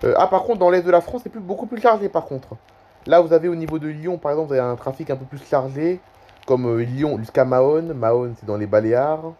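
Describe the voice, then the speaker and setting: A man's voice: a little high, a little fast, dull audio. Rambling man narrating his screen. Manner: rambling, hesitant, self-correcting. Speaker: YouTuber. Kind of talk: casual screen-recording commentary.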